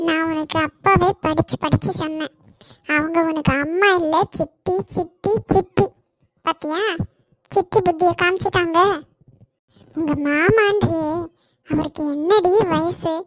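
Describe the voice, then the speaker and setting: A woman's voice: very high-pitched, fairly even intonation, measured pace, pauses often, no echo. A woman voicing Kani, a caring, outspoken young woman friend in a cartoon, with a Kanyakumari Tamil accent and a fussing, protective manner. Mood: indignant.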